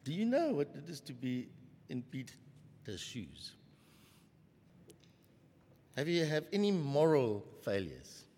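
A man preaching a sermon, animated, with many rhetorical questions to the congregation. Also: medium pitch, slow, long pauses, in a large hall.

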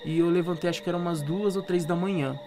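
A man's voice: sits high, steady tone, a crowd in the background. Young Brazilian man telling a ghost story. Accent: Brazilian Portuguese. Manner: halting, with frequent restarts. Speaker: interview guest. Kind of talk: casual storytelling.

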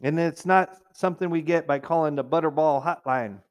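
A man's voice: on the high side, moderate pace, clear, resonant tone. A middle-aged man preaching a sermon as pastor, in a conversational way, now and then mimicking complainers in a raised whiny voice.

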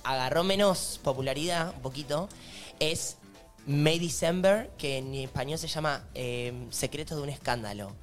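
A man's voice: a little high, faint music behind. A young man with a Rioplatense accent, chatting playfully about films on a panel stream. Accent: Rioplatense Spanish. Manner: playful, drawn-out film chatter. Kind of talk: casual group chat.

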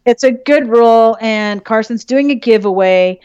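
A woman's voice: fairly high pitch, moderate pace, a little mellow, clear, resonant tone, no room sound, lo-fi sound. A woman co-hosting a podcast in casual chat, swearing freely and laughing often. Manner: profane, laughing, chatty. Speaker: podcast co-host.

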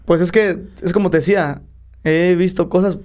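A man's voice: sits high, moderate pace. A man with a Mexican accent, a podcast guest telling stories in slangy casual chat. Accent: Mexican Spanish. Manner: slangy, animated storytelling.

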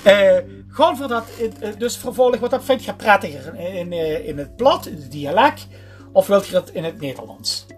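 A man's voice: sits high, animated, normal speed, soft background music. A man with a Limburgish Dutch accent co-hosting a podcast in casual chat, often searching for words. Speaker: podcast host.

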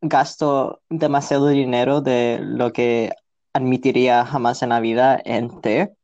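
A man's voice: medium pitch, level tone, measured pace, darkish tone, highs cut off. A man who is a podcast guest, talking in a laid-back, joking way in a casual interview.

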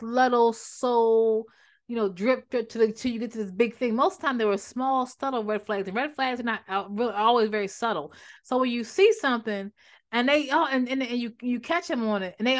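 Fast-talking woman giving a faith talk. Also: a little high. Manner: fast-talking, animated, repeats and restarts phrases. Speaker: podcast host and author. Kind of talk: faith-based motivational talk.

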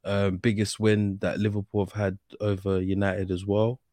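Low-voiced young London roadman, close and dry. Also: flat delivery, moderate pace, mellow, dry recording. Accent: London, urban street slang. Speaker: host of a football discussion show. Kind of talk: casual football chat.

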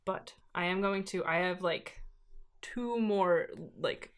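A woman's voice: fairly low pitch, takes it slowly. A young woman chatting casually as a podcast guest, telling stories and filling her sentences with "like.". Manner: chatty, heavy use of "like" fillers. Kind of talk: casual chat, storytelling.

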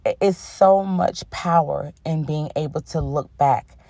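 A young woman with a low, grounded voice hosts a casual spiritual podcast. She is slightly under the weather, yet talks in an affirming, conversational way, checking in with listeners. The sound is dry and close, with no room around it. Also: a little slow, no echo. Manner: warm-toned, affirming, sprinkles in "okay?" and "honey". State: under the weather, voice a bit rough. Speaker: podcast host.

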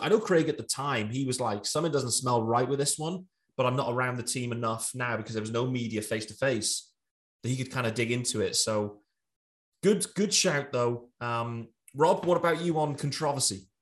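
A man hosting a podcast in easy, conversational talk, with a voice of ordinary pitch. He keeps the chat moving and passes it on to his co-hosts. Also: fairly quick. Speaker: podcast host. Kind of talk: casual chat.

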